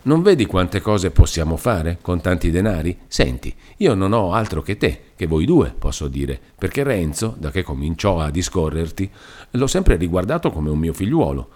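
A man's voice: deep voice, very animated, normal speed, a little mellow. A man voicing a talkative, practical older village mother, speaking in a chatty, persuasive and emphatic way. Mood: eager.

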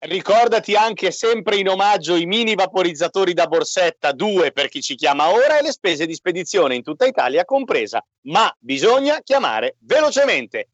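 Salesman guy doing an infomercial pitch on radio, highish voice, swoopy, insistent, slightly muffled. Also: very animated, normal speed, hardly any pauses, no room sound. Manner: insistent, repeats phrases. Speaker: company spokesman selling a product.

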